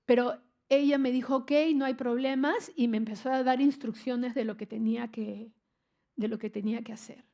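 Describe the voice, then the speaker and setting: An older woman preaching a church sermon, telling a personal testimony in an earnest, emotional way with frequent halting restarts. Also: on the high side, steady tone, mellow.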